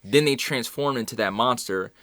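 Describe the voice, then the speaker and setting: A man with a mid-pitched, bright voice works his way through a theory in loose, rambling sentences. The sound is dry and close. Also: normal speed, dry recording. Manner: rambling, restarting explanations. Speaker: podcast co-host. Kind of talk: casual film discussion.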